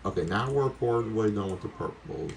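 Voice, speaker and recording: A man's voice: on the low side, lively intonation, fairly quick, darkish tone, slight background noise, low-quality recording. A man giving casual, chatty, rambling gameplay commentary as a streamer talking to his viewers. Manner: casually sweary. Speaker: video game streamer.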